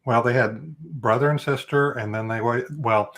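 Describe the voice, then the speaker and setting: A man's voice: mid-range voice, normal speed, fairly bright tone. A middle-aged man from Texas, a life coach guest speaking earnestly and reflectively in a casual interview. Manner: earnest, reflective, with many fillers.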